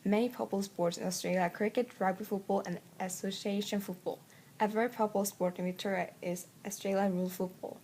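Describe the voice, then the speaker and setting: A teenage girl with a Swedish accent reads her school presentation aloud, stumbling now and then. Her voice sits in a middle pitch. A faint hiss runs under the recording. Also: fairly even intonation, quick pace, warm tone. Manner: reads from a script with small slips. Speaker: student presenter.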